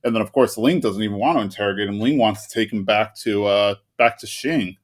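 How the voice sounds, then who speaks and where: A man's voice: fairly low pitch, fairly quick. A man co-hosting a podcast, talking casually about an anime episode in an easygoing, hedging way. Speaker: podcast co-host.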